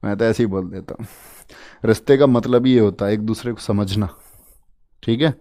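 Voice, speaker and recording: A fairly low, dark-toned male voice at a moderate pace delivers an exam-prep lesson. He keeps it light and playful, coaxing students with humorous memory tricks. Chatty throughout, he calls the audience "bhai."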